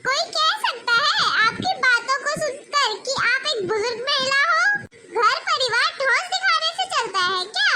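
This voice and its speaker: A woman's voice: extremely high pitch, animated, normal speed. A woman voicing a proud, touchy young daughter-in-law in a cartoon, speaking indignantly and complaining. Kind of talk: cartoon voice acting. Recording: loud background noise.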